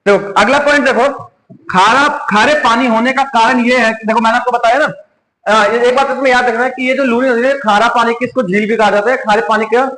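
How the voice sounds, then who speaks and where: A man's voice: extremely high pitch, fairly even intonation, a little fast, bright, forceful tone. A man with a Hindi accent teaching an exam-prep lesson, repeating each question and answering it himself. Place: coaching classroom. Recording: echoey room.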